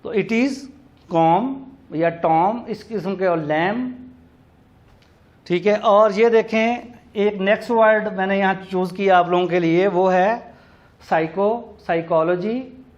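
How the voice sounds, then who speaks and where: A man giving a recorded lecture on teaching English words, explaining slowly and spelling words out letter by letter. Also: sits high. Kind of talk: classroom lecture. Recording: dull lo-fi recording.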